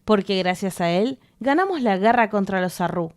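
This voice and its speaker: A woman's voice: mid-range voice, animated, normal speed, natural voice. Woman reading a friendly island villager, trusting, short answers. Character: friendly male island tribesman.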